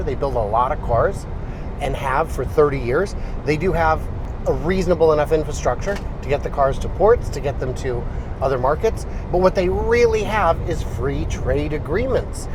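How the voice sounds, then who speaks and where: A man with a fairly high voice talks casually to his viewers as a vlog host. He jokes and pokes fun at himself as he goes. It is recorded inside a moving car, with clear vehicle noise around him. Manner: joking, self-deprecating. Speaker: video channel host. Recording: noisy car interior, road noise.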